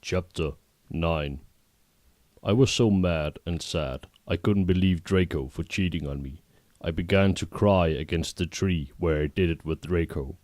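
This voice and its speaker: A man reading a fanfiction aloud exactly as written, in a deadpan voice, with brief asides. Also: low-pitched, unhurried, dry recording. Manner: deadpan, reads errors as written. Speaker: reader.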